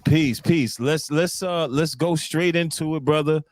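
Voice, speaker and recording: A man's voice: a little high, measured pace, no room sound, clean studio sound. A man hosting a casual talk show, loose and repetitive, restarting his sentences often. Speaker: podcast host.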